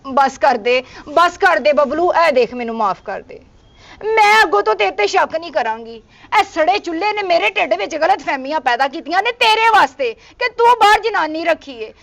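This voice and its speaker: A woman's voice: very high voice, big pitch swings, fairly quick, gravelly, a bit bright, exaggerated voice. A woman playing a suspicious wife who is easily swayed by gossip. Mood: pleading. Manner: scolding, then pleading.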